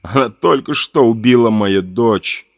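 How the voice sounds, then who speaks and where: A man's voice: medium pitch, a little slow, no echo, studio quality. A man reading a first-person horror audiobook in a somber, tense storytelling manner. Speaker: audiobook narrator.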